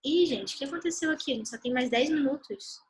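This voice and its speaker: High-voiced Brazilian woman teaching on a call. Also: quick pace, low-quality recording. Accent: Brazilian Portuguese. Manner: animated, chatty storytelling. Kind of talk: live online talk. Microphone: video call.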